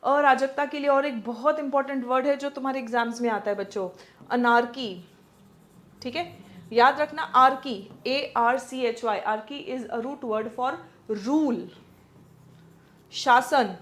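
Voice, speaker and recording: A woman's voice: sits high, takes it slowly, fairly bright tone. A woman with an Indian accent teaching English vocabulary for exams, explaining patiently in Hindi mixed with English and checking in with "okay?". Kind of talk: exam-prep vocabulary lesson.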